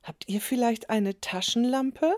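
A woman's voice: on the high side, measured pace, darkish tone, no echo, clean studio sound, pitched above the performer's own voice, close to an everyday voice. A woman voicing an elderly neighbor lady who is polite and a little flustered, in a children's storybook reading. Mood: apologetic.

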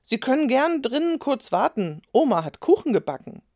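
A woman's voice: high voice, normal speed, no echo, studio quality, voice pushed up, exaggerated voice. Woman doing an eager little boy. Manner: eager, excitable. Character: young boy, eager and a bit timid. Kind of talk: storybook reading.

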